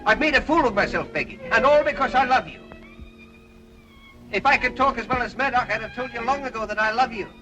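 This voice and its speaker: An actor playing an earnest, reserved young castle owner in a 1930s film. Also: male voice, very high voice, brisk, pushed and bright, low-quality recording. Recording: old film soundtrack with music.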